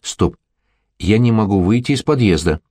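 A man's voice: fairly low pitch, expressive, normal speed, warm tone, no room sound, clean studio sound. A man voicing a scarred, anxious young male actor in an audiobook, glum and self-mocking. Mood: uneasy.

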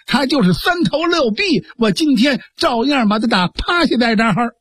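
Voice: medium pitch, expressive, moderate pace, husky, no room sound, clean studio sound, voice pushed up. A storyteller voicing a feisty teenage girl skilled in fighting, scolding her younger brother. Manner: sharp, scolding. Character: feisty young woman martial artist, scolding.

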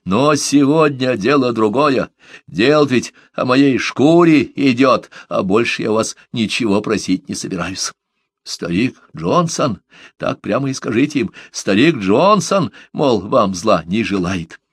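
A man's voice: medium pitch, lively intonation, unhurried, breathy edge, dry recording. A man voicing a fretful, rambling old man with a quavering, plaintive voice in an audiobook. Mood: wheedling.

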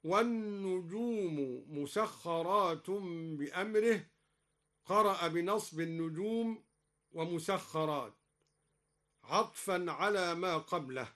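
High-voiced man teaching Quran readings. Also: pushed and bright. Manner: measured, explains each reading and then chants the verse. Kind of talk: radio lecture on Quran readings. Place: radio studio.

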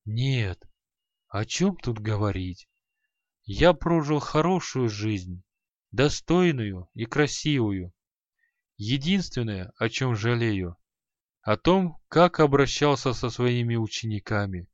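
A man's voice: medium pitch, expressive, slow pace, dry recording, highs cut off. Man voicing Halai, a grumbling dead old sorcerer. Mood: wistful. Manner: grumbling, scornful, muttering. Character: grumpy dead old male sorcerer, spiteful teacher.

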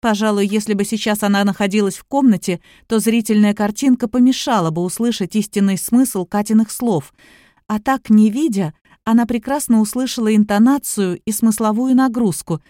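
A woman narrating an audiobook with a steady, even reading. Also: medium pitch, moderate pace, no room sound, studio quality. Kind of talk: scripted narration.

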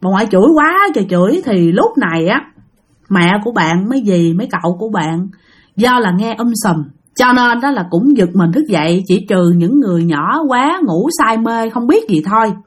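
A woman's voice: mid-range voice, animated, normal speed, husky. A woman narrating a ghost story in a chatty way, addressing her listeners directly.

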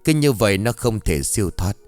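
A man's voice: lowish voice, lively intonation, a little fast, a little mellow, soft background music, natural voice. A man voicing a stern old male shaman who gives grave warnings in a storybook ghost tale.

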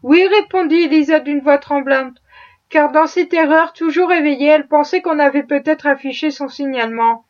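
A woman narrating a classic novel as an audiobook, with an expressive storytelling manner. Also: high-pitched, moderate pace. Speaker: audiobook reader. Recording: muffled lo-fi audio.

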